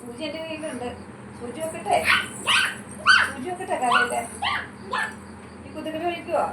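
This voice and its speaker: A woman's voice: sits high, moderate pace. A woman playing a mother who scolds a small child in mock-stern tones, teasing with playful threats and repeated questions. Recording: echoey room, distant mic, noisy.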